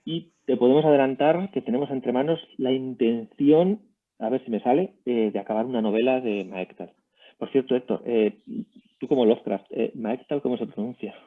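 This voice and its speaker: A man's voice: medium pitch, moderate pace. A man, a writer chatting eagerly in an interview and promoting his work. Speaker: writer and guest. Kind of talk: casual interview chat. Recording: tinny phone-like call audio.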